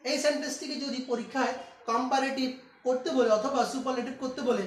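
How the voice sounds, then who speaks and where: Male teacher, high voice, distant mic, echoey classroom, repeats steps, quizzes students. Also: steady tone, fast talker, slight background noise. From Bangladesh. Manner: repeats key steps, asks students questions. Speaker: English teacher. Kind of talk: classroom grammar lesson.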